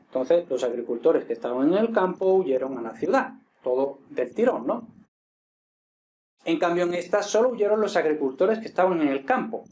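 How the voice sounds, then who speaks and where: Chatty Spanish Latin teacher, slightly high voice. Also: male voice, a little mellow, a little hiss or hum. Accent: Spain Spanish. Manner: chatty, frequent "entonces" and "¿vale?" checks with students. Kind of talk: casual online lesson explaining grammar.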